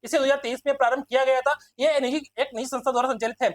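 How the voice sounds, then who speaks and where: Rapid-fire, high-voiced male teacher. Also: flat delivery. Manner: fast, repetitive, keeps addressing listeners as friends. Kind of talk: rapid-fire exam quiz lesson.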